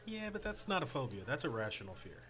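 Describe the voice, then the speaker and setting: A man's voice: medium pitch, big pitch swings, fast, background noise. A man hosting a casual panel podcast, joking his way through introductions. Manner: playful, jokey introductions. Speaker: podcast host. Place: pub. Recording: busy pub crowd behind. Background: pub crowd chatter.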